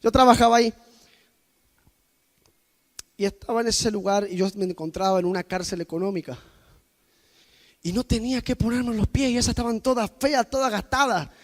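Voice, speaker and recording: A man preaching a sermon, telling personal stories to the congregation and swinging between loud outbursts and quiet asides. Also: high voice, normal speed, long pauses. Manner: personal storytelling addressed to the congregation.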